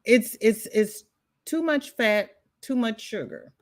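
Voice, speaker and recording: On her crochet livestream, a woman from the American South talks in a fairly high, animated voice, taking her time. She chats and rambles casually, reads out what viewers comment, and repeatedly restarts herself mid-thought. There's a congested quality to her voice.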